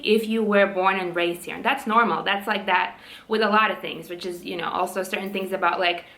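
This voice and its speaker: A young woman speaks straight to camera in a casual vlog. Her voice is bright and forward, and she talks in quick, impassioned bursts with plenty of fillers. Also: medium pitch. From Latvia. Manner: impassioned, rapid with many fillers. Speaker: vlogger.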